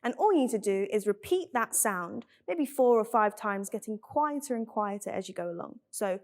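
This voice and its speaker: A woman giving a clear, upbeat beatbox tutorial. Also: medium pitch, animated, normal speed, a little mellow. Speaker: beatbox teacher.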